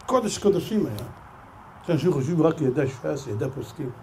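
A man's voice: fairly high pitch, slight background noise. A man with an Israeli Hebrew accent, a rabbi giving a sermon full of stories and acting out the dialogue. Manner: animated storyteller, acts out dialogue. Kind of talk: sermon with storytelling.

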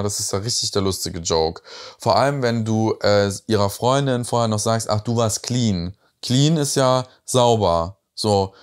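A young man hosts a reaction video, tossing out casual, teasing commentary on a reality show. His voice is fairly low and clean, and his chatty delivery leans on tag questions.

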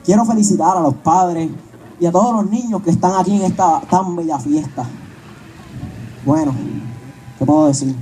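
A man's voice: sits high, moderate pace, long pauses, dark tone, soft background music, lightly acted. A man playing a master of ceremonies addressing parents in an amateur stage play. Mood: formal, building suspense. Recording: noisy distant amateur stage recording.

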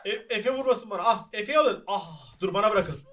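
A young man giving excited, laughing commentary over an online game with friends. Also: sits high, fairly quick. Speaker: gaming channel host.

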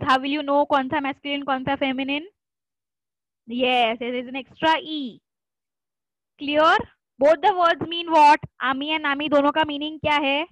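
A woman teaches French over an online class, her voice high and her delivery slow and deliberate. She drills each pronunciation again and again and calls on students by name. The sound is dry and a little dull, like lo-fi online class audio. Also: fairly bright tone, dry recording. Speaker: French tutor. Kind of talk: online class, explaining in Hindi and English.

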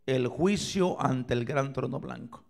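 A man preaching a sermon in a church, asking the congregation questions and swinging from loud cries to near-whispers. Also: medium pitch, takes it slowly, vocal fry. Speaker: pastor. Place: church sanctuary, filmed for online viewers.

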